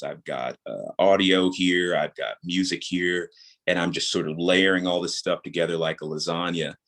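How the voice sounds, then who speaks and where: Low-pitched and a bit bright, this voice belongs to a thirty-something audio drama creator appearing as a podcast guest. In a casual interview he walks through his creative craft, restating points to emphasize them.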